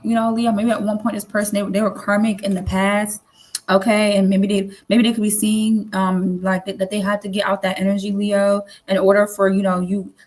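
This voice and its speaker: A woman's voice: mid-range voice, darkish tone. A woman giving a casual tarot reading, rambling and repeating herself, with lots of fillers and the odd casual swear. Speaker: tarot reader.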